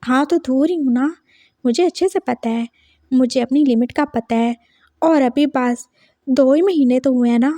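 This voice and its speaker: A woman voicing a lovesick young man who is clingy, pleading and quick to get flustered, read for a fan story. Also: high voice, warm tone, dry recording, natural voice.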